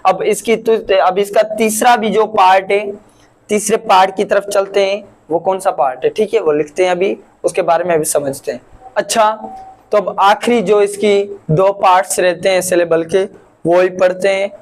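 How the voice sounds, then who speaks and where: A man from Pakistan teaching a language lesson, patiently repeating each word slowly syllable by syllable. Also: high-pitched, fairly even intonation, a little hiss or hum, rough recording. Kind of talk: classroom-style language lesson.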